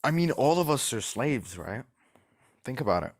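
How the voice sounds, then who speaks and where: A man's voice: mid-range voice, big pitch swings, normal speed. A man hosting a casual debate stream, making blunt arguments, swearing freely and often checking that the listener follows. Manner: argumentative, keeps checking agreement.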